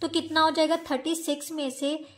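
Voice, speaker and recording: High-voiced Indian woman teaching maths. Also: level tone, normal speed. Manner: patient, explains step by step, often calls students "beta". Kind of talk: blackboard maths lesson.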